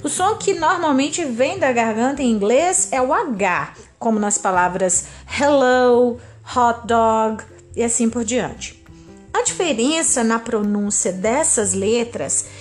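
A Brazilian woman with a Brazilian Portuguese accent teaches pronunciation in an unhurried, careful way, stretching out each example word. Her voice sits somewhat high for a woman, and faint music plays behind her. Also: very animated. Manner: slow, deliberate, drawn-out word modelling. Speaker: English teacher. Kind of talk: podcast pronunciation lesson.

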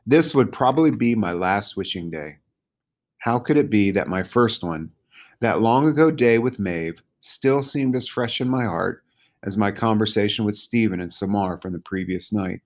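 Brief: low-pitched male audiobook narrator with a calm, measured reading. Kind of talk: storybook narration.

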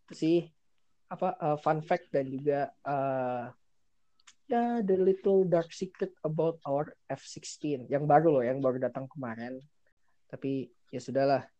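A man's voice: on the high side, a little slow, warm tone, no room sound, highs cut off. A young man from Indonesia hosting a casual podcast, explaining things informally and dropping in English phrases. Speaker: podcast host. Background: background music.

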